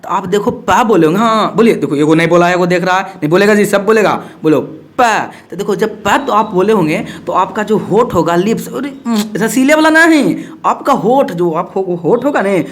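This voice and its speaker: A man's voice: high-pitched, fairly quick, hardly any pauses. A male teacher, running a playful exam-prep lesson who acts out student questions and repeats answers.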